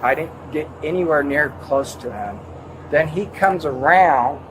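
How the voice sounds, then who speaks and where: A man working at an airport recounts an incident to police in a halting, rambling way, acting out what was said, recorded on a body camera. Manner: halting, rambling, acts out his own quoted words. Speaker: airport airline worker giving a witness account. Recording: noisy body camera audio, vehicle rumble.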